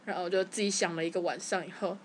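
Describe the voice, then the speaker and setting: A young woman with a Taiwanese Mandarin accent, telling her story as a podcast guest in casual chat, animated and often stumbling over repeated words. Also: lowish voice, racing, slight background noise. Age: young adult.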